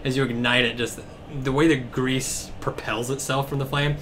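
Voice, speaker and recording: A man's voice: medium pitch, flat delivery, moderate pace, a bit bright, slight background noise. A man narrating a tabletop game as game master, loose and profane, laughing often as he describes the action.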